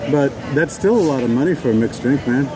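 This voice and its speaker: A laid-back man co-hosting a casual show, talking in easy slang and calling his friend dude. He sits on an open-air racetrack terrace. Clear outdoor noise and traffic run under his voice. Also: mid-range voice, expressive, fast talker. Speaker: podcast co-host. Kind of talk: casual chat.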